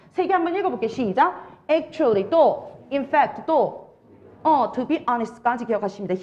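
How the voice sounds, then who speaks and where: Lively Busan-accented woman teaching. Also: a little high, lo-fi sound. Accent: Busan Gyeongsang Korean. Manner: animated, keeps checking understanding with rhetorical questions. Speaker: English test-prep teacher. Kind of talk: classroom lecture.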